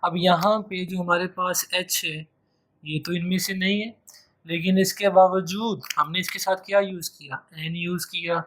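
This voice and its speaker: A man's voice: high voice, steady tone, moderate pace, a bit bright, a little hiss or hum. Man teaching grammar. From Pakistan. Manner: repeats key phrases, stretches out example words. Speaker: English teacher. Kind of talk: exam-prep grammar lecture.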